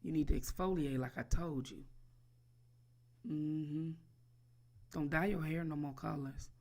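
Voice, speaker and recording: A woman's voice: low voice, steady tone, unhurried, mellow. A woman delivering a profane, taunting roast on a livestream, crude and mocking, repeating her target's name again and again.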